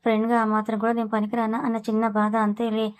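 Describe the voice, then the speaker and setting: A woman narrator playing a playful, prying young friend in a storybook who teases with cheek. The lines come fast and level, in a slightly high voice. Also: monotone, clean tone, natural voice. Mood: teasing.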